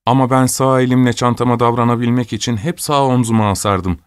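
A man's voice: medium pitch, fairly even intonation, quick pace, smooth, no echo, clean studio sound, close to an everyday voice. Man playing an earnest young man.

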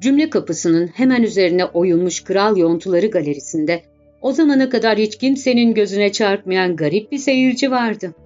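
Woman narrating a classic novel. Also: mid-range voice. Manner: measured, expressive reading with dramatic pauses. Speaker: audiobook narrator. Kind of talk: scripted literary narration. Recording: dull lo-fi audio with faint background music.

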